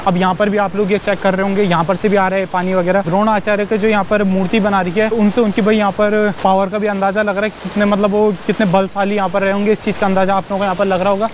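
A man's voice: sits high, slight background noise, low-quality recording. A young man in his twenties vlogging a walk around a riverside tourist spot, chatty and pointing things out to viewers, filmed on a handheld camera outdoors. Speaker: travel vlogger. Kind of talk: casual travel vlog walkthrough. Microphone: handheld action camera at arm's length with a lapel mic.

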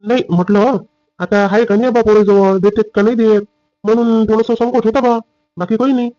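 A man playing an older farmer father in a family drama skit, proud and stern, with a gruff, indignant manner. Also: high-pitched, fairly even intonation, brisk, warm tone, no echo, dull audio, lightly acted. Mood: calling.

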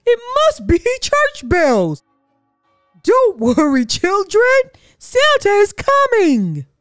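A woman's voice: extremely high pitch, wildly swooping pitch, slow, dry recording, clean studio sound, faint music behind, pitched above the performer's own voice, full character voice. A woman voicing jolly old Santa Claus in a children's storybook, with hearty, blustering exclamations. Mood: cheerful. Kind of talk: children's storybook read-aloud.

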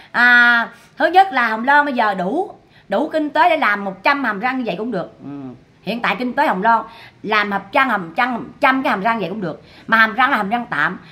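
A woman's voice: fairly high pitch, bright, forceful tone. A woman doing gossip commentary to her viewers, scolding and repeating herself for emphasis. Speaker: online commentator.

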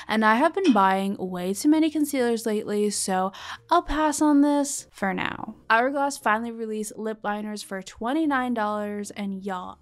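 A young woman in her twenties talking as a beauty vlogger, chatty and upbeat, calling viewers babes and friends. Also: medium pitch. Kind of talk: shopping vlog voice-over.

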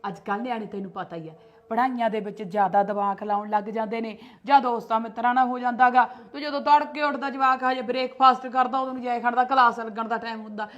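A woman playing a sharp-tongued protective mother. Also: on the high side, steady tone, quick pace, highs cut off, natural voice. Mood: explaining. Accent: Punjabi. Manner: argumentative, scolding, defensive. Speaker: sister-in-law. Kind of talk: homemade family skit.

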